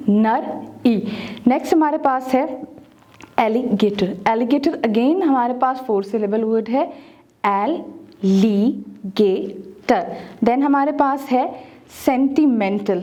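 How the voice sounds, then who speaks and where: A woman narrating a video lesson, teaching slowly and sounding out words syllable by syllable. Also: high-pitched, dark tone, dull audio. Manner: slow, deliberate, sounds out syllables one by one.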